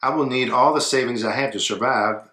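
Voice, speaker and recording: A man co-hosting a casual advice chat, talking in a relaxed way that trails off quietly, and reading a viewer's email aloud. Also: medium pitch, a little fast, roomy sound. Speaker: co-host of an advice show.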